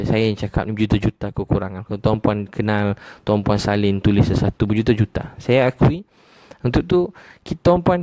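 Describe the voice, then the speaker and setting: A Malaysian man preaching in a low, mellow voice, recorded dry and close. He repeats short phrases with gentle emphasis and drops softly for his main points. He sounds like he is in his thirties. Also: no room sound. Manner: repetitive, gently emphatic, drops to soft lows. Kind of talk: religious lecture to a crowd.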